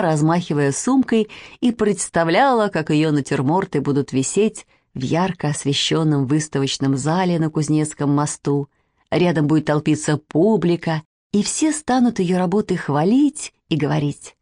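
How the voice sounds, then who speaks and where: A woman reading a children's story aloud as narrator, in a lively, playful and expressive way. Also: sits low, dry recording, studio quality.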